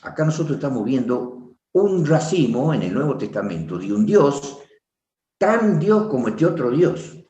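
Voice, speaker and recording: Animated man teaching scripture. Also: mid-range voice. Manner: animated, preacherly, addresses listeners directly. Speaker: Bible teacher. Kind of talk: Bible study class. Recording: roomy echo.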